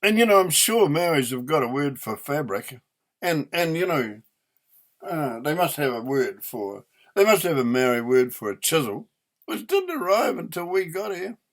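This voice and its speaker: A man's voice: fairly high pitch, very animated, moderate pace. An older man in his eighties with a New Zealand accent, ranting off the cuff in an indignant, emphatic, sweary way, leaning hard on stressed words. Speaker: opinionated vlogger. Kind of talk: unscripted angry rant.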